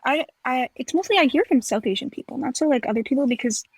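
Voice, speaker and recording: A young adult woman with a high, expressive, husky voice talks quickly while co-hosting a podcast. Her casual chat is packed with fillers, and she acts out conversations she remembers. There's no echo on the recording.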